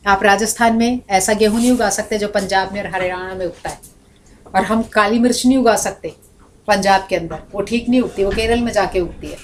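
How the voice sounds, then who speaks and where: Woman, classroom lecture, somewhat high voice, demonstrates examples aloud, faint background noise. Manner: explanatory, switches into demonstrative examples and recitation. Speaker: Sanskrit teacher.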